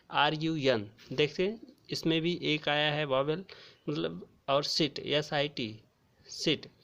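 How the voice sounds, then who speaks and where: Slow, patient male grammar teacher. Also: fairly high pitch, a bit bright. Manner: slow, repeats key terms and calls viewers friends. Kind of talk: classroom lecture explaining grammar. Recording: dull lo-fi recording.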